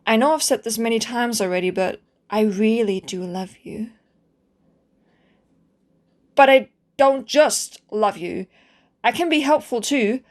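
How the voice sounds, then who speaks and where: Woman acting a high-voiced, pleading kitten girl. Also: measured pace, long pauses, a little mellow, natural voice. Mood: lovestruck, devoted. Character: clingy, lovesick, self-abasing stray cat girl with yandere devotion. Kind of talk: scripted ASMR role-play addressed to the listener.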